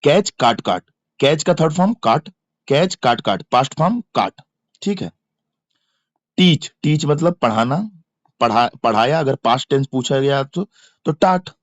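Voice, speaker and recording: A man's voice: medium pitch, expressive, a little slow, long pauses, no room sound. A man with an Indian accent teaching English grammar in a lesson for exam preparation, explaining in Hindi and drilling verb forms by repeating and spelling them aloud. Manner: repetitive chanting of word forms, spelling letters aloud.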